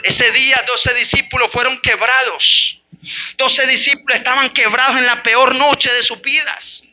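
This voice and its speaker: High-voiced impassioned preacher. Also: male voice, fairly even intonation, a little slow, bright, forceful tone, dull audio. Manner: impassioned, repeating phrases for emphasis. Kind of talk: sermon. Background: music.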